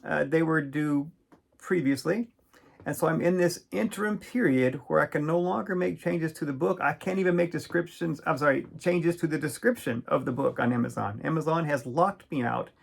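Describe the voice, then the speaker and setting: A middle-aged man, an author, talking casually and unscripted to camera, earnest and measured, with many fillers and halting restarts. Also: a little high, vocal fry, husky.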